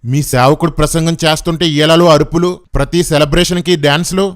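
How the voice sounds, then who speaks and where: Man, combative rebuttal, mocking tone, rhetorical questions, slightly high pitch. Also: fairly even intonation, brisk. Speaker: commentator rebutting preachers.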